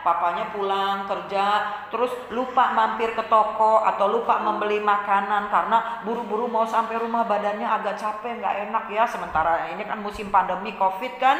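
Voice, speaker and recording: A woman teaching a children's Bible lesson in a gentle, patient way, often repeating points and checking in with "ya". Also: mid-range voice, fairly even intonation, normal speed, a little hiss or hum. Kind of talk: Sunday-school lesson for children. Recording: echoey room with long reverb.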